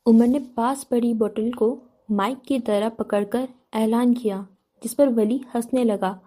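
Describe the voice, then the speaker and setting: A woman narrating a romance novel as an audiobook in a steady reading voice. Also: fairly high pitch.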